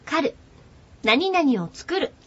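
A woman's voice: sits high, sing-song, slow pace, fairly bright tone, muffled recording. A woman co-hosting a radio language lesson, introducing segments and repeating words after the teacher. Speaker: co-host and learner.

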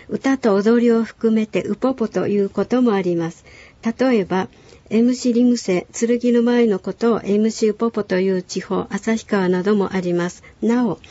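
A woman teaching language on a radio lesson, calmly explaining and modelling words for a learner to repeat. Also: fairly high pitch, no room sound, dull audio.

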